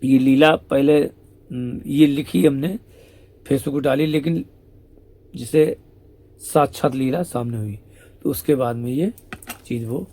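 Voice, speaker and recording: A man's voice: mid-range voice, slow, long pauses, mellow, no room sound. A man conversationally retelling a devotional story as a spiritual storyteller.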